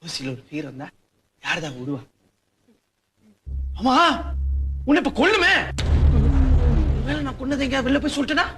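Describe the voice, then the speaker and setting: A man's voice: very high voice, animated, normal speed, long pauses, a little hiss or hum, heavily acted. An actor playing a mocking, unhinged young male killer in a film scene, taunting in a sing-song way. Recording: film dialogue with loud music underneath.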